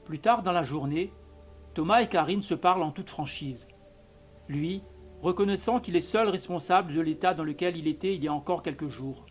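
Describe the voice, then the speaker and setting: A man reading a short story aloud as an audiobook narrator, in a measured, calm manner. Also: fairly high pitch, faint music behind. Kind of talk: scripted narration.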